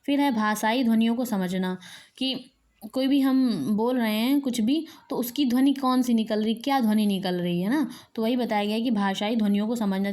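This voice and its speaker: A woman's voice: a little high, darkish tone. A woman teacher giving an exam-prep lecture, reading each point aloud and then explaining it again in plain words.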